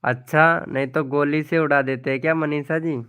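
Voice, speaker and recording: A man's voice: on the high side, fairly even intonation, normal speed, a bit bright, clean tone. A man hosting a live stream, chatting casually as he reads out viewers' comments, calling people by name and often laughing. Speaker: live stream host promoting channels.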